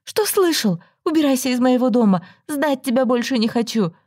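Brief: betrayed young woman, indignant and sharp, as a woman narrator puts her on, dry close mic. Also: sits high, animated, normal speed, no room sound, voice pushed up. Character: hurt young woman, angry and tearful. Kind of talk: audiobook story reading.

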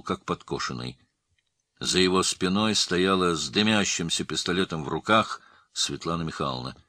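A man narrating an audiobook with tense, measured dramatic storytelling. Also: sits low, pushed and bright, no room sound, clean studio sound.

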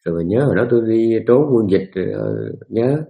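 A man's voice: on the low side, fast talker, creaky, mellow. A man playing a dying elderly husband who insistently retells his hardships to his wife. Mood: pleading.

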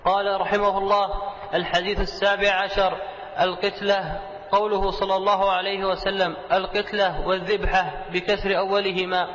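A man's voice: high voice, little pitch movement, moderate pace, fairly bright tone. A man, a student, reading a classical text aloud in a formal recitation. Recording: echoey hall, dull lo-fi audio.

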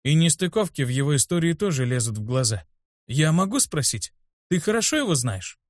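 A man's voice: fairly high pitch, big pitch swings, fairly quick, no room sound, studio quality, voice pushed up. A man doing a wary young gang leader.

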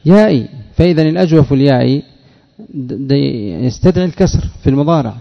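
A man teaching a classroom lesson, putting questions to his students and drilling word patterns slowly. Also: a little high, creaky. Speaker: teacher of Arabic morphology. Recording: dull audio with long hall reverb.

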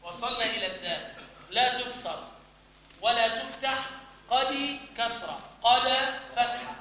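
The voice is extremely high, pushed and bright, moving at a normal speed over slight background noise. It belongs to a religious teacher with an Egyptian accent lecturing on the call to prayer, chanting demonstrations and quizzing students in an echoey hall with an audience.

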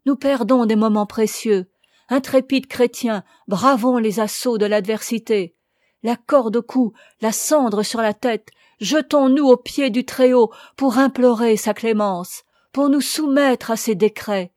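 A woman reading the part of a gentle, fervent old missionary priest in an audiobook, in a solemn, consoling manner. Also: on the high side, a little slow, dry recording, studio quality, natural voice. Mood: urgent.

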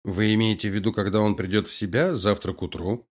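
A man's voice: on the low side, steady tone, fast talker, natural voice. A man reading an audiobook, voicing a timid, confused male military doctor. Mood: hesitant. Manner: hesitant, confused.

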